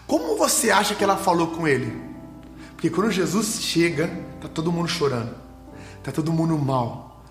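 A man preaching a sermon, animated, acting out voices of Bible characters and asking the listeners questions. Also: a little high, moderate pace, roomy sound, soft background music.

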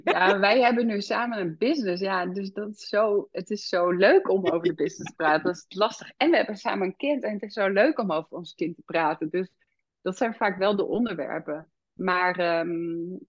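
A woman's voice: mid-range voice, moderate pace, dry recording, highs cut off. A woman in her thirties, a podcast guest who speaks candidly and reflectively, with many hesitations. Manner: reflective, many fillers, animated when quoting her child. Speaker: podcast guest, founder and midwife. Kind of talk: candid conversational interview.

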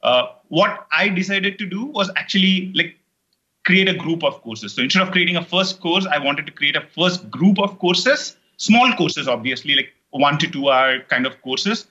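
As a casual interview guest, a middle-aged man from India who creates online courses speaks Indian-accented English, his native language being Telugu. His slightly high, sharp voice has lively intonation and normal speed as he rambles with fillers and restarts, heard through a muffled recording.

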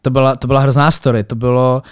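Animated man telling event stories. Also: mid-range voice, smooth, no echo, clean studio sound. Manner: animated storyteller, colloquial with English loanwords. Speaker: event organizer and DJ guest. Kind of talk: casual podcast conversation.

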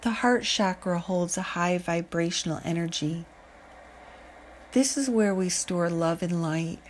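A woman guiding a meditation, speaking in a calm, soothing way with long pauses. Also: fairly low pitch, slight background noise. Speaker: meditation guide. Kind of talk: guided meditation narration.

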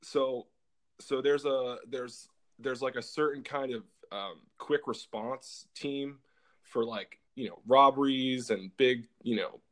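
A man's voice: mid-range voice, slow. Rambling man hosting a podcast. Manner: rambling, full of "like" fillers and restarts. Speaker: podcast host. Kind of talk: casual podcast chat, telling a true story.

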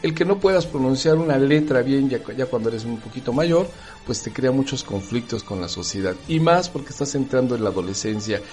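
A man's voice: medium pitch, animated, brisk, darkish tone, faint music behind. A man, hosting a casual talk aimed straight at the listener. He asks rhetorical questions and acts out little dialogues.

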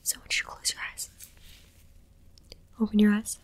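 A woman's voice: normal speed, no room sound. A woman's teasing, bossy ASMR whisper. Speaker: ASMR creator. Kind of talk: ASMR roleplay.

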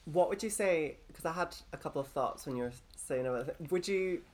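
A woman's voice: low voice, expressive, fairly quick, a little mellow. A woman hosting a podcast, asking questions in a playful, joking casual chat. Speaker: podcast host.

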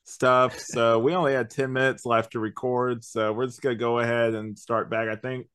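Speaking at a moderate pace with little pitch movement, this male podcast host has a medium, slightly bright, clean voice. He chats casually and meanders through a review on what sounds like an online video call recording.

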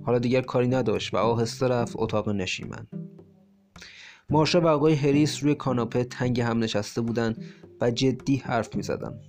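A man reads a translated short story in a measured, steady audiobook voice of middle pitch. Soft plucked guitar runs quietly under his narration throughout. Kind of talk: scripted narration. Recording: faint guitar music bed. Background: soft guitar music.

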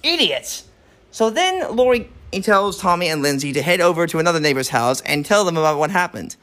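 A man co-hosting a podcast, casually recapping a horror film, animated and swearing freely. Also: on the high side, fairly quick. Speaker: podcast co-host.

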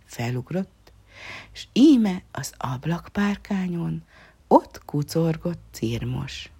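A woman reads a children's story aloud in a low, husky voice with some gravelly fry. She keeps it soft and often half-whispered, and her melody rises and falls in lively swings.

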